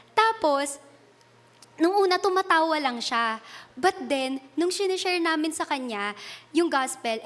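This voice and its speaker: Woman preacher, Filipino accent, high voice, earnest, code-switching sermon. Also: fairly bright tone. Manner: earnest, switching between Tagalog and English; retells a personal story with laughs and self-corrections.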